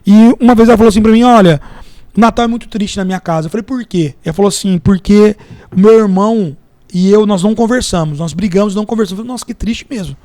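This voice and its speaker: A Brazilian man speaks quickly in a high voice with a dark tone, with no room sound around him. As an entrepreneur and mentor on a podcast, he chats casually in a Brazilian Portuguese accent and tells anecdotes and parables, acting out quotes.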